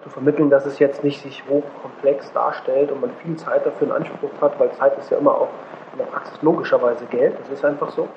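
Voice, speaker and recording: A man interviewing a guest, halting and repeating words as he searches for phrasing, heard on an old low-quality recording. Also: steady tone. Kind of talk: conversational interview. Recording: dull old recording with faint noise.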